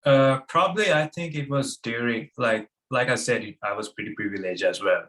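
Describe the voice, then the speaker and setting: A young man from Sri Lanka, a guest on an interview podcast, speaking with hesitant pauses and fillers. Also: medium pitch, a bit bright. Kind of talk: casual interview chat.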